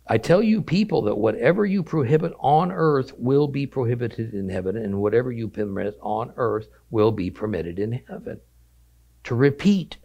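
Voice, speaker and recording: A man teaching a weekly Bible lesson, reading scripture aloud and slowing down to stress key phrases. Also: mid-range voice, creaky.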